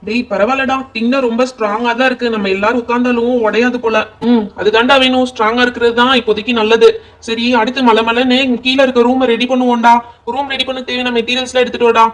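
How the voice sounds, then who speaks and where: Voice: medium pitch, level tone, quick pace, natural voice. Someone voicing a bossy boy doll. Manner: bossy, ordering others about. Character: bossy young boy doll leading a build. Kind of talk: doll pretend-play voice acting.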